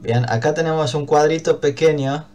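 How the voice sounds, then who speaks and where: His voice is fairly high-pitched with a darkish tone, at normal speed, and carries an Argentine Spanish accent as he teaches English. He's patient and often confirms understanding by asking "¿bien?".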